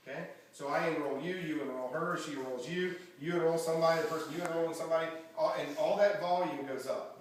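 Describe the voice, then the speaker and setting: A man giving an energetic motivational seminar talk as a network marketing trainer, quizzing the audience with questions. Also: fairly high pitch. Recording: echoey room from far off, faint background noise.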